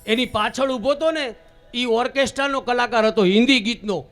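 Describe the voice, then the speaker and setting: A man telling jokes on stage, a lively storyteller who now and then breaks into drawn-out singing. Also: extremely high pitch, soft background music. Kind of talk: live Gujarati folk comedy storytelling.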